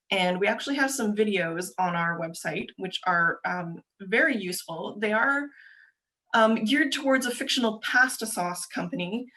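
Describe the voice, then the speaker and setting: Brief: young woman presenter on a video call, mid-range pitch, fast explanatory delivery with lots of fillers. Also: a bit bright. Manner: quick, chatty explaining with frequent um and uh fillers. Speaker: presenter for a government agency.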